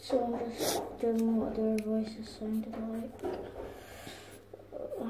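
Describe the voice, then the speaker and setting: Young girl, slow unhurried speech, insistent, echoey room. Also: fairly high pitch, little pitch movement, very noisy. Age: child. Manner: insistent, bossy. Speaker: vlog co-host. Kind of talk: casual chat while drawing.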